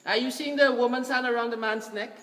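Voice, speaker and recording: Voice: medium pitch, fairly even intonation, a little fast, crowd noise. A tour guide leading a group through a cave, giving instructions and repeating directions, recorded from a visitor's camera. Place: inside a dark cave. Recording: echoey cave from far off.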